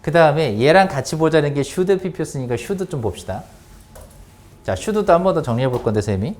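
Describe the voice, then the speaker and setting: A man teaching an English grammar lesson to students, often checking whether they follow and reading example sentences out slowly. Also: a little high, lively intonation, a little mellow.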